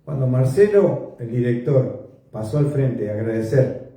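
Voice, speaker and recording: A male pastor, preaching a sermon slowly and emphatically, his voice often rising sharply in pitch and force. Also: expressive, dark tone. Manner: slow, emphatic preaching with sudden rises in pitch and volume. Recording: echoey church hall, voice from a distance.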